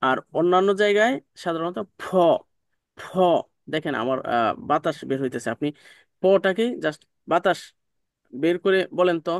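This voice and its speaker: Patient male teacher, slightly high voice. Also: expressive, normal speed, dry recording, studio quality. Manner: patient, repeats and checks understanding. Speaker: English teacher. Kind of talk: online pronunciation class.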